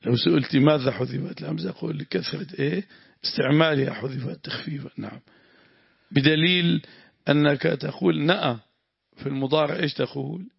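A man's voice: on the high side, brisk, gravelly, breathy edge, no echo, dull audio. A man, teaching a religious lesson, explaining grammar and breaking into prayers. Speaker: sheikh teaching tafsir.

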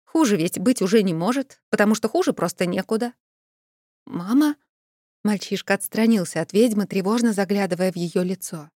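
A woman narrating a first-person fantasy audiobook in a lively, expressive storytelling manner. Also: medium pitch, brisk, hardly any pauses, no room sound, studio quality. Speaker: audiobook reader.

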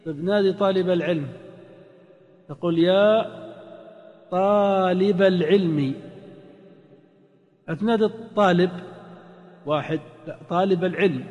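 A man, a sheikh, teaching a grammar lesson to students, reciting examples in a drawn-out sing-song and quizzing the class. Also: high voice, highs cut off. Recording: long-reverb lecture hall.

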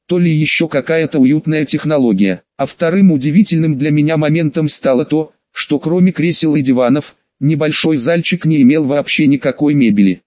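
A man's voice: on the high side, no echo, lo-fi sound. A man narrating an audiobook in the first person, in a wry, colloquial tone with grumbling asides.

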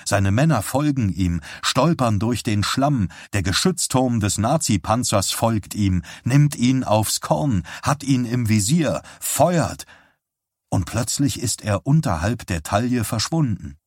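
Man, audiobook narrator, grave, measured, dry close recording. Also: mid-range voice, animated, a little mellow, no room sound. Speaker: audiobook reader.

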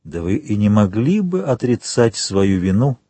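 A cold royal prosecutor lays out his charges in a calm, measured, menacing voice, as a male reader does him. The tone is mellow and husky, recorded close in a dry space. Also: on the low side, no echo, full character voice. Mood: accusing. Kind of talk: audiobook character voice.

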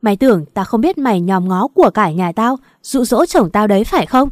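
Woman reader voicing a cruel older mother-in-law, shouting abuse, dry close sound. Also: mid-range voice, animated, fairly quick, no room sound, lightly acted. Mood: venomous, screaming. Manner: abusive, shouting insults.

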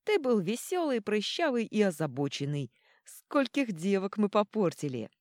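A woman voicing a middle-aged king and father with a booming, teasing manner. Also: sing-song, moderate pace, a little mellow, no echo, clean studio sound, lightly acted.

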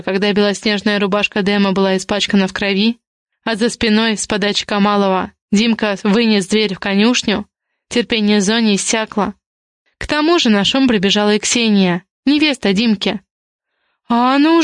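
A woman reading a novel aloud as an audiobook narrator, in steady storytelling. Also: mid-range voice, dry recording, studio quality.

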